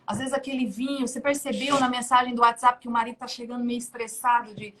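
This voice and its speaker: A woman's voice: on the high side, fairly even intonation, fast, fairly bright tone. A woman giving earnest, preachy advice on marriage and the home on a live stream. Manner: earnest, preachy, builds lists. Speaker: guest speaker.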